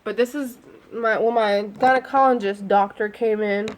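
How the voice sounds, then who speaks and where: A woman's voice: medium pitch, steady tone, normal speed, slight background noise. A woman chatting in a rambling way with lots of fillers and asides. She is giving a casual vlog update at home. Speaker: vlogger. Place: at home near a bedroom.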